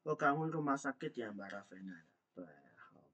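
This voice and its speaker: A man runs a Mandarin lesson in a bright, forceful voice, steady in pitch. He repeats each word patiently and keeps quizzing his learners. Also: moderate pace. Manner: patient, repeats words and asks learners questions. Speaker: Mandarin teacher. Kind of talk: online language lesson.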